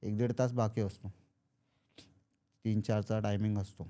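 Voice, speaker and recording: A man's voice: fairly low pitch, little pitch movement, moderate pace, warm tone. A man telling a horror story casually, acting out the characters' lines. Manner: acts out characters' lines in quoted speech. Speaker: podcast guest storyteller.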